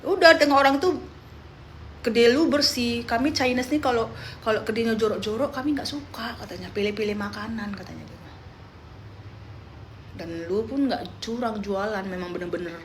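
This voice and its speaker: A young woman chatting on a phone livestream, telling animated stories and quoting her friends. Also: mid-range voice, a little hiss or hum. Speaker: live streamer. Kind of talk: casual livestream chat.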